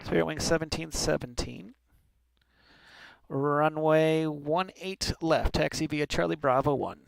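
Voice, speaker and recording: Man, clean crisp tone with vocal fry, air traffic controller delivering clipped clearances. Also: a little high, measured pace, dry recording. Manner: informal asides amid formal instructions. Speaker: air traffic controller in online flight simulation.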